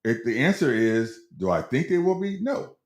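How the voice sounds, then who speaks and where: A man's voice: mid-range voice, very animated, normal speed, darkish tone. A middle-aged man co-hosting a casual sports talk show, hedging and stumbling over repeated words as he tells stories. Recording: roomy echo.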